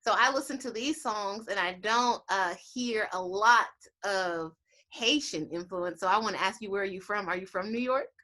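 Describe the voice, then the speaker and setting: A woman hosting a podcast, interviewing a guest in a chatty, relatable way and quick to share her own views. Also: medium pitch, sharp tone. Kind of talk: casual interview.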